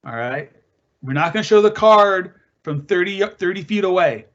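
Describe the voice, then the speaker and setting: A man's voice: sits high, animated, moderate pace, a bit bright, lo-fi sound. A man teaching soccer referees as he narrates match clips, talking in a conversational way with rhetorical questions and frequent restarts. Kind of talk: narrated video presentation for referees.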